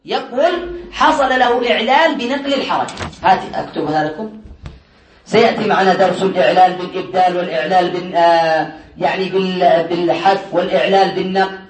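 A man teaching a classroom lesson on Arabic morphology to students, drilling word patterns by repetition, quizzing them with quick questions he answers himself, and joking lightly. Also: high-pitched, reverberant. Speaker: Islamic studies teacher.

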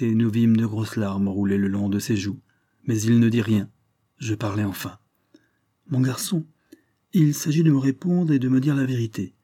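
A man narrating a literary story as an audiobook, his voice low and mellow. He reads in a measured, grave way, letting each sentence land with weight. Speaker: audiobook reader.

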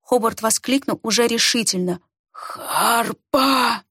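A woman reads a fantasy audiobook in a steady, expressive way. Her voice is fairly high. The recording is dry and close, with no room sound. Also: normal speed, no room sound. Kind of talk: audiobook narration.

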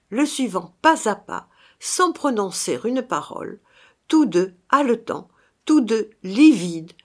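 A woman's voice: lowish voice, slightly rough. A woman reading a gothic tale aloud as narrator, in a dramatic, theatrical way.

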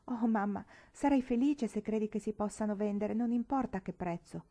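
A woman's voice: medium pitch, normal speed, mellow, voice pushed up, natural voice. A woman voicing an incredulous elder sister who doubts her younger sibling, in a read-aloud novel. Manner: incredulous, teasing.

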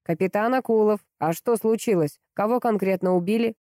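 A defiant police captain, officious and challenging, as a woman narrator puts him on. Mellow tone, dry close recording. Audiobook character reading. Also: medium pitch, brisk, no room sound, lightly acted.

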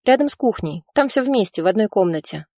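A woman's voice: medium pitch, expressive, fast, a little mellow, no echo, clean studio sound, voice pushed up. A woman reading the part of a tall, cautious but kind young woman who questions her guest. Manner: questioning, surprised.

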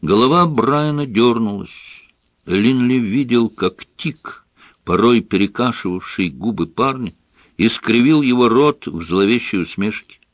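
A man narrating an audiobook in a dramatic, expressive reading. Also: mid-range voice, unhurried, dry recording. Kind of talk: scripted narration.

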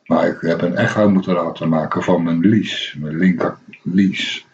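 A man's voice: low voice, steady tone, moderate pace, a little hiss or hum. A middle-aged man, hosting a radio show and telling a long, rambling everyday story with many hesitations and restarts. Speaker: radio host. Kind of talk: casual anecdotal radio chat. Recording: dull lo-fi radio recording.

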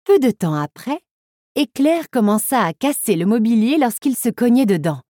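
A woman's voice: on the high side, big pitch swings, normal speed, warm tone, no room sound, studio quality. Woman reading a children's storybook. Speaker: narrator.

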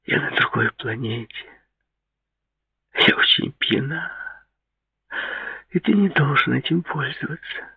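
A man reading an audiobook puts on a soft, raised voice for a drunk, dazed young woman. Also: medium pitch, lively intonation, slow, gravelly, pauses often, slightly rough, no echo, far from the mic, highs cut off, pitched above the performer's own voice, exaggerated voice. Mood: dreamy.

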